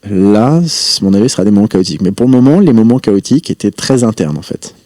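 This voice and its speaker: A man's voice: lowish voice, expressive, quick pace, mellow, no room sound, studio quality. A man talking as a podcast guest about his path as an entrepreneur, reflective and rambling with frequent hesitations. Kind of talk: casual interview talk.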